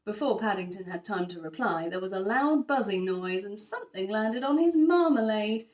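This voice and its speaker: Reading a picture book aloud for small children, a female teacher gives an expressive, scripted narration that emphasizes key words. She speaks at a moderate pace in an animated, mid-range voice with a darkish tone, captured in a roomy-sounding space.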